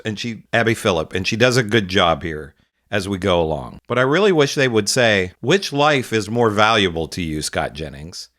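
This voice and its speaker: A man's voice: on the low side, a bit bright. A man giving heated, scornful political commentary on a news clip. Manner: angry, scornful, mocking quotes. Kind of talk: opinionated commentary.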